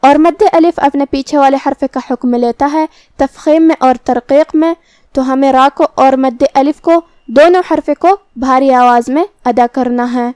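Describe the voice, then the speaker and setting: A woman teaching Quran recitation, explaining each letter methodically and then reciting the verses slowly. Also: high voice, darkish tone, no room sound.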